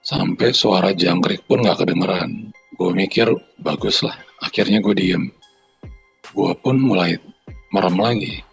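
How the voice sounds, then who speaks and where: A low-pitched, gravelly, husky man speaks unhurriedly as faint music plays behind him. He co-hosts a podcast, bantering in slang and then reading a listener's horror story steadily, performing the noises it describes.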